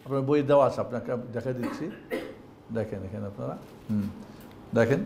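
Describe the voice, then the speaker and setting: A man's voice: mid-range voice, a little fast, vocal fry, a little mellow, a little hiss or hum. A male Quran teacher giving an online class, chanting the names of Arabic letters in a singsong drill and then explaining the homework.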